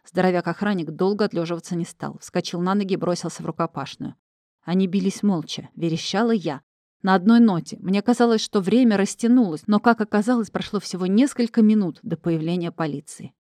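A woman narrating a comic first-person audiobook in a lively, wry manner. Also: fairly low pitch, no room sound, studio quality.

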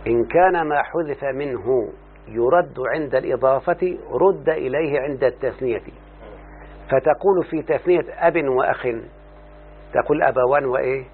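Egyptian male teacher, slow and deliberate, keeps quizzing the student, phone-like sound with a faint hum. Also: mid-range voice. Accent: Egyptian Arabic. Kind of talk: Arabic grammar lesson.

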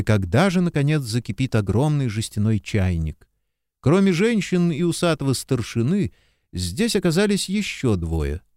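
A man narrating an audiobook in an expressive, measured storytelling voice, recorded close to the mic. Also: mid-range voice, no echo. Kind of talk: scripted narration.

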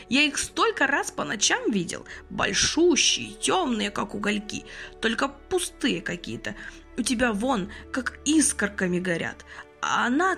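Female reader voicing a lively, high-pitched old man, soft-hearted and quick to tear up, in an audiobook. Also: vocal fry, heavily acted. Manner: tearful, fussy, exclamatory. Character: kindly, emotional old man, a retired train conductor.

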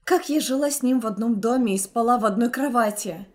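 A woman's voice: fairly high pitch, a little fast, darkish tone. A young woman narrating a first-person audiobook in an intense, emotional storytelling manner.

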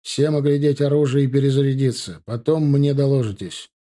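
Dude reading as a young ensign giving orders, brisk and firm, darkish voice. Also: male voice, medium pitch, dark tone, lightly acted. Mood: commanding. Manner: brisk, commanding. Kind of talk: audiobook character voice.

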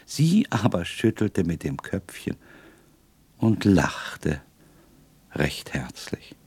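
A low-voiced man reads a literary tale aloud with expressive, unhurried storytelling. His pitch rises and falls in lively arcs, and the sound is close and dry. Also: breathy edge, no room sound. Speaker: audiobook reader. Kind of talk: scripted literary narration.

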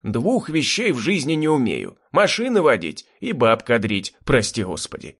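A man's voice: mid-range voice, huge pitch swings, moderate pace, fairly bright tone, full character voice. A man voicing a grumpy, sarcastic old man who scolds and grumbles in an audiobook. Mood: grumbling.

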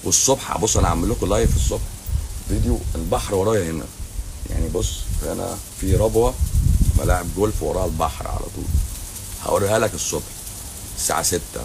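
In a casual nighttime livestream from a hotel lobby, a middle-aged Egyptian-accented doctor talks fast in a low, gravelly voice over background noise. He answers viewers' questions with blunt, sarcastic teasing.

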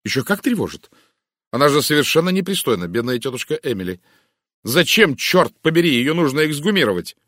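A man reading an audiobook, voicing a fiery, haughty young woman with a sharp, imperious manner. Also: fairly high pitch, big pitch swings, fairly quick, dry recording, clean studio sound, voice pushed up. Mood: furious.

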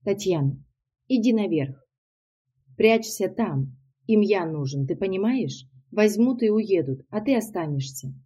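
Audiobook: woman voicing a cornered tough guy, blunt and urgent, dark husky tone. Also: mid-range voice, expressive, measured pace. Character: desperate fighting man, rough and blunt.

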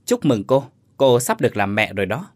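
A man's voice: mid-range voice, sing-song, normal speed, darkish tone, dry recording, lightly acted. A man voicing an old village herbal doctor who talks in a hearty, exclamatory way, in a spoken story. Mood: cordial.

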